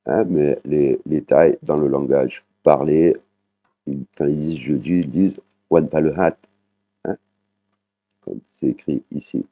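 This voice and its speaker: Very deep-voiced man teaching over a tinny line. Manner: patient explaining, with frequent "hein" tags and slow repeated Thai words. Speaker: Thai language teacher. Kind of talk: online language lesson. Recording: muffled, phone-like sound.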